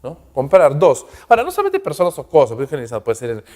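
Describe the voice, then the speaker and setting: A man's voice: fairly high pitch, wildly swooping pitch, rapid-fire, darkish tone. Reverberant male English teacher, "¿ok?" after every point. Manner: explaining in Spanish with English examples, constant "¿ok?" check-ins; rhythmic, repeats each word with its translation. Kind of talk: recorded grammar lesson. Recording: long reverb, roomy.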